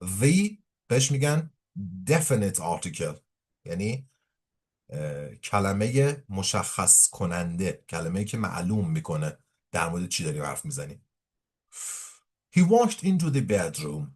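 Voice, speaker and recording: A man teaching English, reading a story slowly aloud and explaining it quickly in Persian. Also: deep voice, very animated, a little mellow, husky.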